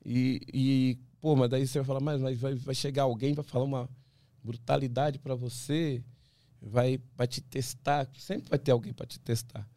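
A man, an ultramarathon runner from Brazil, talking as a podcast guest, animated and full of restarts, acting out what others say. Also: medium pitch, moderate pace, no room sound. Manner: animated storyteller, many restarts, acts out quoted voices. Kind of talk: casual interview talk.

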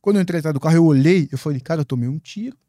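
Guest, male, from Brazil; mellow, dry-miked podcast storyteller, profanity and lively re-enactment. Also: fairly high pitch, very fast, dry recording. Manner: lively, swearing, acts out his own past words. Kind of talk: animated storytelling in a podcast interview.

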